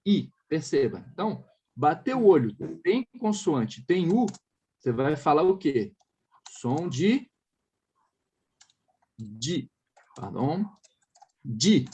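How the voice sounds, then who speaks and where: A man's voice: on the high side, darkish tone, husky. A man with a Brazilian Portuguese accent giving a casual one-on-one French lesson, explaining patiently, modelling sounds for his student to repeat and often checking that she follows. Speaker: French teacher.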